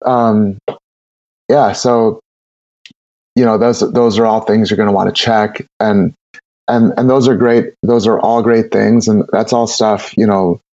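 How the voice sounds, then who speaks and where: Gravelly, rambling brewer talking shop. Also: male voice, lowish voice, fairly even intonation, measured pace, darkish tone, no echo, muffled recording. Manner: rambling, with many repeated words and fillers. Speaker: guest brewer. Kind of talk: casual technical interview.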